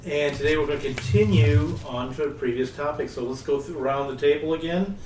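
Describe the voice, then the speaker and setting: A man's voice: fairly high pitch, a little fast, a little mellow. A man hosts a casual panel chat around a table, rambling and catching his own slips. His voice sits back from the mic in an echoey room, with a faint hum of ambience behind. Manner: loose, rambling, self-correcting. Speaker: podcast host and producer. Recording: roomy room sound, distant mic.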